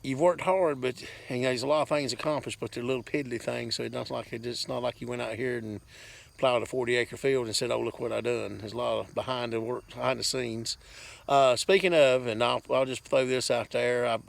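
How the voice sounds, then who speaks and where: A man with a gravelly, medium-pitched voice vlogs from outdoors on his farm. Holding the camera in his hand, he rambles casually through an update for viewers in a plainspoken, folksy way.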